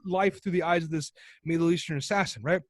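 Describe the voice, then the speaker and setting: A man's voice: on the high side, steady tone, quick pace, dry recording, clean studio sound. A man co-hosting a casual podcast chat, rambling and swearing as he tells a story and acts out the people in it. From United States. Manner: rambling, profane storyteller who acts out quoted characters. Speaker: podcast co-host.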